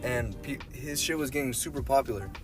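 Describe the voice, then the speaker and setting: A man's voice: medium pitch, fairly quick. A man hosting a podcast, chatting casually and telling rambling stories full of slang and swearing. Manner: slangy, profane, rambling storyteller. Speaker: podcast host. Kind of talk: casual fan chat about pop culture. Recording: music behind the voice. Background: music.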